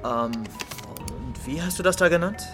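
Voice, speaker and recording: A man's voice: on the high side, lively intonation, unhurried, music in the background. A young man playing a casual, hesitant, slightly clueless schoolboy in naturalistic drama dialogue. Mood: curious, hesitant.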